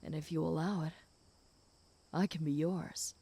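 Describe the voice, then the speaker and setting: A woman voicing a flirty, possessive and protective female werewolf in an intimate audio role-play, speaking teasingly to the listener in a smooth voice. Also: sits low, fairly even intonation, measured pace, exaggerated voice. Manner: flirty, teasing, with soft chuckles.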